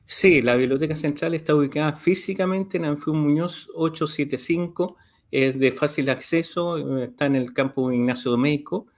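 A middle-aged man with a Chilean Spanish accent, working as a university library official, explains services step by step on a video call. His voice is on the high side and moves at normal speed, and he is steady and detailed, with frequent "eh" fillers, picked up by a webcam microphone.

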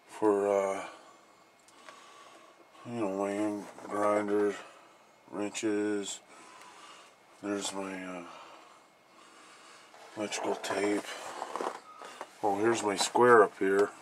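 Slow low-voiced man touring his trailer. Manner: rambling, plain-spoken, lists his gear, swears when frustrated. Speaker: welder showing his trailer. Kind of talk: casual walkthrough vlog. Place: outdoors in a cold enclosed work trailer. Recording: noisy handheld camera audio.

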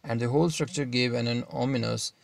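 A man narrating an audiobook in a steady, measured reading. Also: mid-range voice, vocal fry, dry recording.

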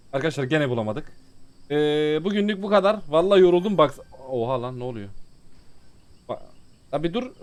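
A man giving casual let's-play commentary, talking to his viewers and growing exasperated with the game. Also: fairly high pitch. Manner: exasperated, chatty, talks to viewers. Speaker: gaming YouTuber.

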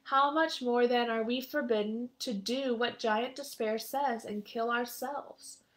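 A woman's voice: fairly high pitch, steady tone, unhurried, lightly acted. Earnest hopeful pilgrim guy read by a woman, keeps urging his buddy on. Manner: earnest, pleading encouragement. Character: steady, encouraging young male pilgrim.

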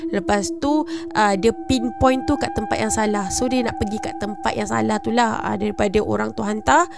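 A woman's voice: a little high, fairly even intonation, moderate pace, vocal fry. A young woman with a Malaysian accent, chatting casually as she reacts to scary videos and explains them to viewers. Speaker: reaction vlogger. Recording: music playing behind.

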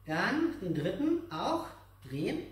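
The voice of this middle-aged man sits high, slow and sing-song. An aikido instructor, he walks a child and viewers through exercises in a large indoor dojo with mats, using simple, repeated phrases with patience and encouragement; a distant camera mic picks him up in the echoey hall.

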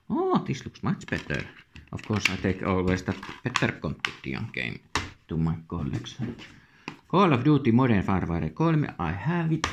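A man with a Finnish accent speaks halting, non-native English in short, muttered remarks, as casual unscripted commentary on an unboxing. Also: lowish voice. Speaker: video game collector presenting an unboxing. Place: indoors at a wooden table. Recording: noisy room with handling clicks.

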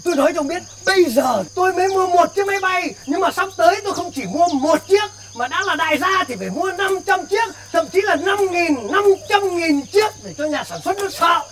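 Bragging newly rich village man, bossy, loud, outdoor recording with insects chirping. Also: very high voice, lively intonation, a little fast, hardly any pauses, slight background noise. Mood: boastful. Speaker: comic actor.

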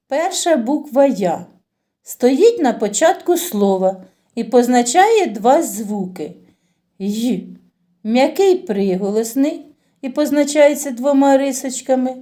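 A woman teacher speaks slowly and patiently to young children, her fairly high voice rising and falling in a lively sing-song. Her tone is soft and mellow, and she asks a question, pauses, then praises the answer. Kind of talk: children's phonics lesson.

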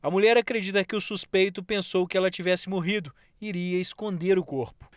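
Um repórter de televisão com sotaque brasileiro narrando uma matéria de forma pausada e formal. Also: male voice, high voice, steady tone, clear, resonant tone, no echo, clean studio sound. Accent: Brazilian. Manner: measured, formal. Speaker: TV news reporter. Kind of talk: scripted news narration.

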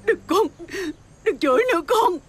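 A woman's voice: lively intonation, moderate pace. A woman with a Southern Vietnamese accent playing a cruel, hot-tempered stepmother who dotes on her own daughter, in a TV fairy-tale drama. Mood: pleading. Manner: shrill scolding, wailing over her daughter.

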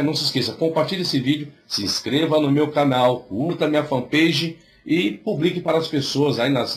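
A middle-aged Brazilian man with a Brazilian Portuguese accent, teaching theology and promoting his next lecture. He piles up rhetorical questions and talks with his hands, seated in a small room in front of a green screen. The sound comes from a webcam at desk distance. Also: medium pitch. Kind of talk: announcing an upcoming online lecture.

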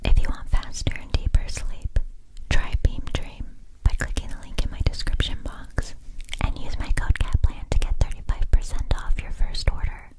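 A young woman softly whispering a scripted ASMR sponsor read in a breathy, unvoiced voice, enunciating carefully. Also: moderate pace, low-quality recording. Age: young adult. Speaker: ASMR creator.

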